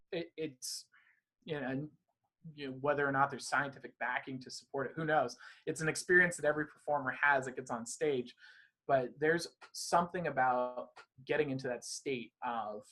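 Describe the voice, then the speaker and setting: A man's voice: mid-range voice, a bit bright. A man being interviewed as a magician, talking animatedly in long, rambling runs of casual conversation. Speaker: magician guest.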